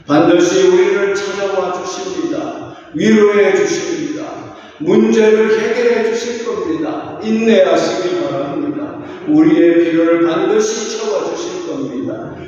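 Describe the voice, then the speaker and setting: A man's voice: high-pitched, dark tone. Man preaching in an echoey church. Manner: earnest preaching with sung, drawn-out phrases. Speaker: pastor. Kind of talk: sermon. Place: church sanctuary. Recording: distant, echoey church hall, dull sound.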